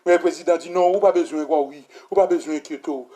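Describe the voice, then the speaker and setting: A man with a Haitian accent giving heated, repetitive political commentary that bursts into shouting. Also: fairly high pitch, steady tone, brisk. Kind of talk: impassioned political commentary vlog.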